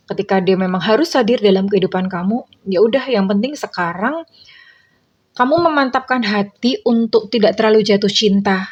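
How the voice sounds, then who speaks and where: A woman reads tarot cards for her viewers in a soft, reassuring manner, calling them dear and mixing in English phrases. Her voice sits at an ordinary pitch for a woman. The recording sounds a little dull and lo-fi. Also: breathy edge. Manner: gentle, reassuring, calls listeners dear, drops in English phrases. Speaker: tarot reader. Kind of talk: casual tarot reading to viewers.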